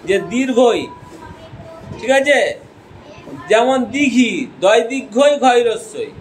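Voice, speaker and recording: High-voiced man teaching slowly. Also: slight background noise, rough recording. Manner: explains step by step, asks checking questions. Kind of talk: Bengali grammar lesson.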